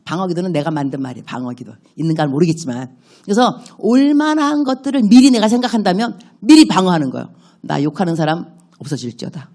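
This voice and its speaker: A woman missionary preaches at a church revival meeting, talking straight to the congregation in a chatty, animated way. She slips into little acted-out prayers and quoted voices as she goes, moving her pitch and loudness up and down. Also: fast talker. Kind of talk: revival sermon.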